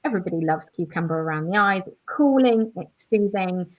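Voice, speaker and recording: A woman's voice: medium pitch, expressive, a little fast, a little mellow. A woman co-hosting a live online quiz as education manager, explaining answers enthusiastically and at length. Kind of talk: casual live-stream chat.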